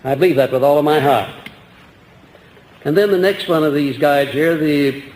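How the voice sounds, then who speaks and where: A man's voice: on the high side, moderate pace, darkish tone. Older man lecturing on an old echoey recording. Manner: earnest, rambling with restarts and rhetorical questions. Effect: old archival recording. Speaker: lecturer answering audience questions. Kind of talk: earnest motivational lecture. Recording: echoey old hall recording with faint hiss.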